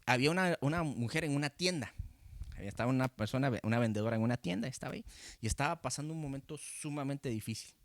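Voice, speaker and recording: A Costa Rican man preaching a teaching sermon, his voice sitting at an ordinary middle pitch. He talks loosely and conversationally, often tagging his points with a questioning "¿verdad?". The sound is close and dry, from a handheld mic with no room echo. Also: expressive, quick pace. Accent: Costa Rican Spanish. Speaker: pastor. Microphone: handheld microphone facing a camera.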